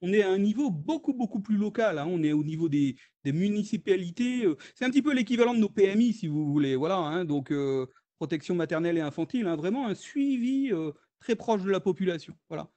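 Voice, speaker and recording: This guest speaker is a French economist giving a webinar presentation over video call. His voice sits high and warm, with lively intonation and a fast pace, though he hesitates often, filling gaps and restarting sentences.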